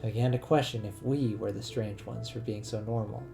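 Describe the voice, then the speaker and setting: Gravelly man reading game narration. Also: lowish voice, fairly even intonation, a little fast. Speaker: let's-play narrator. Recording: voice over game music.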